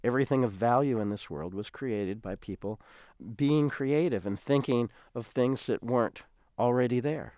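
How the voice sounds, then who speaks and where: A man's voice: mid-range voice, moderate pace, dark tone. A man, a songwriter who leads children's music workshops, telling stories in a radio interview and acting out the voices he quotes.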